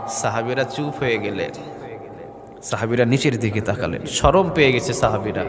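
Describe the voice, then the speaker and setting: A man preaching a sermon who calls on the crowd to answer, chants phrases in a sung tone, and rises to shouts. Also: medium pitch, expressive, moderate pace, big-room sound, over music. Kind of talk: Bengali waz sermon.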